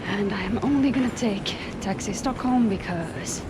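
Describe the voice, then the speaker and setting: This travel vlog monologue comes from a woman at an airport, talking casually and sarcastically to her camera with plenty of swearing. Her medium-pitched voice is unhurried, competing with heavy background noise.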